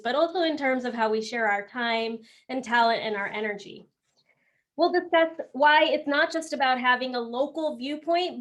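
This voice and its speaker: A woman's voice: fairly high pitch, a bit bright. A woman moderating an online panel, reading an upbeat scripted introduction. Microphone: video call.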